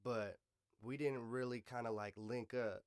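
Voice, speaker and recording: A podcast host chats in a casual, slangy way, swearing casually, as if catching up with an old friend during an interview among friends. His mid-range voice is smooth with fairly even intonation and a measured pace, captured in a dry, clean studio recording.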